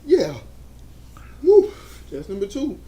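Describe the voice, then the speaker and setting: High-voiced tipsy man, loud banter. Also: wildly swooping pitch, takes it slowly, lo-fi sound. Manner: loud, laughing, says he is drunk. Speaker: podcast co-host. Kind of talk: casual live-show banter.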